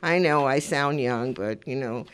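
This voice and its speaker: Een vrouw van in de tachtig, die als radiopresentatrice mededelingen doet en er oprecht en uitweidend bij praat. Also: female voice, a bass voice, a little slow, clean tone. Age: 80s. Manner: earnest, rambling, conversational. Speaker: community radio host. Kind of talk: casual radio talk with announcements.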